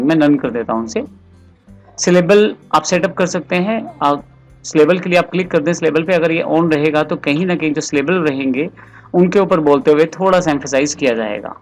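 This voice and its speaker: A man explaining software step by step, addressing the viewer in a screen-recorded tutorial voice-over. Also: a little high, brisk, faint music behind.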